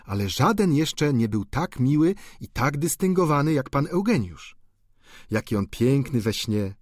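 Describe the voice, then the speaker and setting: Audiobook figure: shrill, gossipy older landlady, voiced by a man, high and exclaiming. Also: big pitch swings, measured pace, no echo, studio quality. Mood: gushing.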